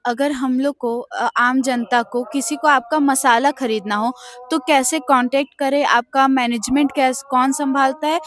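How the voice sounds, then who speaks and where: A woman's voice: sits high, fairly even intonation, measured pace, a bit bright, faint music behind. A young woman interviewing a business owner, asking polite, deferential questions. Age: young adult. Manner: polite, deferential, addressing him as sir.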